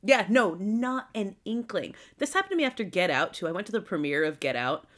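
A woman in casual film chat, expressive and quick to laugh. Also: medium pitch.

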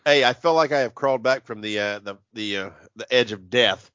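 A man hosting a podcast, heavily congested so his voice sounds stuffed up, as if inside a box. He talks in a casual, halting way with many restarts. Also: medium pitch, a bit bright, clean tone, no echo. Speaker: podcast host. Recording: dull, dry, muffled recording.

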